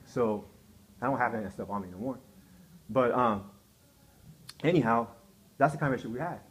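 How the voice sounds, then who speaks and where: A man's voice: medium pitch, fairly quick. A middle-aged man recounting a painful personal story in a rambling, repetitive way, acting out quotes. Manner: rambling, repeats himself, acts out quotes. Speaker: man telling his side of a story. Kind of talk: emotional personal account.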